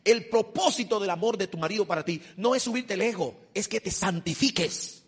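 A middle-aged male preacher giving an impassioned sermon, swinging between loud exhortation and hushed, intimate asides. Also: high-pitched, normal speed, slightly rough.

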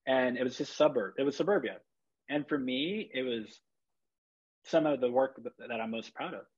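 A man's voice: medium pitch, normal speed, slightly rough, lo-fi sound. A man from Chile, a photographer, talking in a rambling, reflective way with many fillers and restarts. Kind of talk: casual podcast chat.

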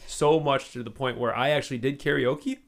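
A man's voice: mid-range voice, steady tone, brisk, creaky. A man in his thirties co-hosting a casual podcast, joking around and swearing freely. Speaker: podcast co-host.

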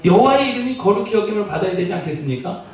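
A man's voice: sits high, lively intonation, very fast, a little mellow. A male pastor preaching a sermon, asking the congregation questions as he goes, recorded in a church sanctuary. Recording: very echoey church hall from a distance.

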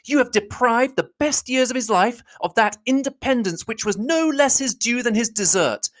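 A reader voicing an indignant, proud young woman who accuses in heated, rapid declamation. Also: mid-range voice, animated, a bit bright, voice pushed up, lightly acted. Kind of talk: audiobook reading.

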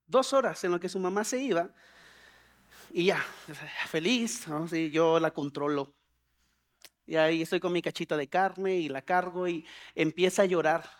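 A man preaching a sermon as a pastor, animated, with humorous asides and pleading prayers acted out in a higher voice. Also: normal speed, pauses often.

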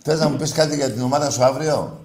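A male radio sports host needling a caller in call-in banter, teasing and quick to get heated. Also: medium pitch, darkish tone.

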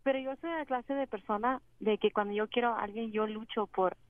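Calling a radio show by phone, this middle-aged woman speaks briskly in a slightly high voice, hesitant and pleading as she has a personal call-in talk. There's no echo, though the line sounds narrow and tinny.

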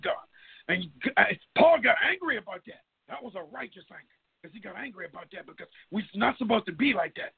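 Over tinny audio that sounds like a phone line, a middle-aged man with an extremely high, gravelly, husky voice leads group prayer. He prays aloud with fervor and without a script, pleading and invoking God repeatedly.

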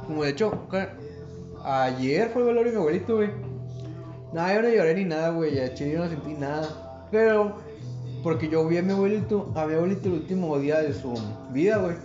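A man's voice: fairly high pitch, brisk, a little mellow. Slangy young Mexican man, echoey room. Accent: Mexican Spanish. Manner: slangy, rambling, swears often. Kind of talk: casual chat. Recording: echoey room, dull lo-fi sound, music behind.

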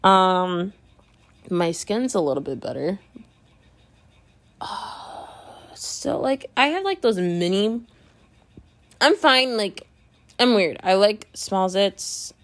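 A woman's voice: medium pitch, animated, slow, pauses often. A woman vlogger chatting casually to her viewers, telling gossipy stories with lots of fillers and acting out what her friends said. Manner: acts out quoted friends in her retelling.

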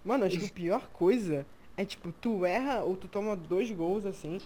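A young adult with a Brazilian Portuguese accent chatting casually in slang, telling stories in an animated way and acting out quotes. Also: medium pitch, moderate pace. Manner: animated storyteller, acts out quotes.

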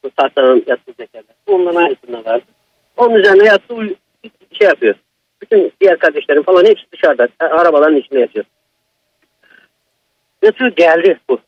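A man phones in with his own horror story. His voice sits high and swings widely as he presses each point, with a husky edge. The phone line sounds dull and dry. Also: lively intonation, a little fast, long pauses, dry recording. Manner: agitated, emphatic retelling. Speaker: caller. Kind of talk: telling a personal horror story.

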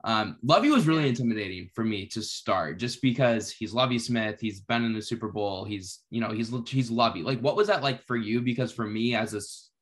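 A young man hosting a podcast, telling stories in relaxed, casual talk with the odd swear. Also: fairly low pitch, brisk, few pauses. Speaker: podcast host.

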